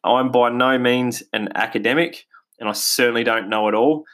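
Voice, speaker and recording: On basic home podcast equipment, the middle-aged Australian host rambles eagerly through a casual monologue full of fillers and restarts. He speaks with a mid-range, fairly bright voice, fairly even in intonation, at normal speed.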